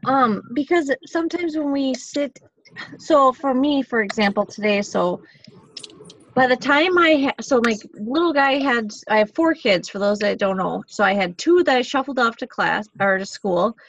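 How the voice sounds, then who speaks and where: A woman's voice: a little high, animated, normal speed, a bit bright. A woman and mother of four, co-leading a meeting in a rambling, casual way, correcting herself and swearing offhand. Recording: dull lo-fi call audio.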